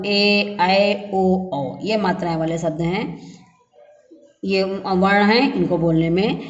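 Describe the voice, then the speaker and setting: A female school teacher leads a grammar lesson in a classroom, asking questions, answering them herself, and sounding out syllables one at a time. Her voice is medium-pitched, and the dull, muffled recording carries a long, roomy echo.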